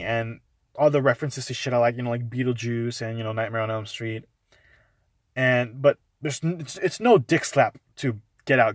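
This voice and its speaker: A man's voice: mid-range voice, no room sound. Profane, rambling young man vlogging. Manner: rambling, profane, animated storytelling with lots of "like". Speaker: movie reviewer vlogger. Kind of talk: casual vlog rant.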